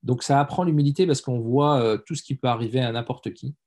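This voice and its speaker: This French intensive care doctor, middle-aged, talks fairly quickly at a medium pitch with a darkish tone. As a guest in a casual interview, he hesitates a lot, leaning on fillers and repeating words.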